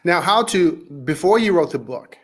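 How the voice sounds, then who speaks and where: A man hosts an interview and asks measured, probing questions. His voice sits somewhat high for a man, and he paces his questions carefully. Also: lively intonation. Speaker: interview host.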